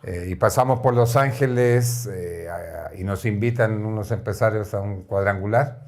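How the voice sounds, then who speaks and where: Deep-voiced Chilean man in his sixties. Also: moderate pace. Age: 60s. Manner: relaxed, reflective, with frequent fillers. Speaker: guest, former footballer. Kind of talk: casual interview storytelling.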